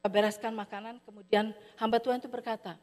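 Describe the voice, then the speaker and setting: Woman preacher, high voice, animated storytelling, long hall reverb. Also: very fast. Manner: animated, acts out characters' voices, addresses listeners as "saudara". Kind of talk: sermon storytelling. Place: church hall.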